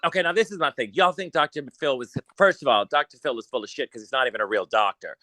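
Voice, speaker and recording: A man's voice: mid-range voice, fast, sharp tone, no room sound. A man co-hosting a podcast in casual chat, brash, crude and sarcastic, laughing often. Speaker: podcast co-host.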